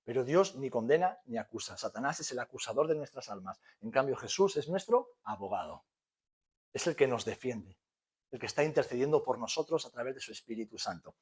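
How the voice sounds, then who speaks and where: A middle-aged man with a Spanish accent preaching a sermon to his congregation, swinging between loud emphasis and soft hushed moments and tossing out rhetorical questions. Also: mid-range voice, animated, a little fast, slightly rough. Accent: Spain. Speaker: pastor. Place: church hall.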